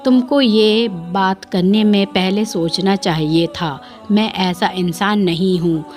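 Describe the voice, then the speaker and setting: An earnest young male doctor, as a woman storyteller voices him, devoted and insistent. He speaks at an unhurried pace, with faint music behind. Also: mid-range voice, a little mellow, close to an everyday voice.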